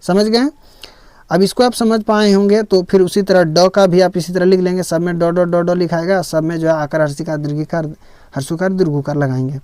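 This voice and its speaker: Patient high-voiced man teaching. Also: fairly even intonation, a little fast, darkish tone, smooth, no echo. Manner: patient, repeats each step with frequent "theek hai". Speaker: Sanskrit teacher. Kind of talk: explaining a lesson slowly.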